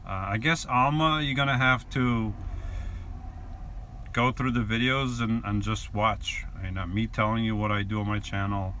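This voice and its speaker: A vlogger in his forties from New York and New Jersey chats easygoing on a live stream from inside his van, answering viewer questions with lots of fillers. His New York–accented voice is lowish, pushed and bright, with fairly even intonation at normal speed, and an inverter hums in the background.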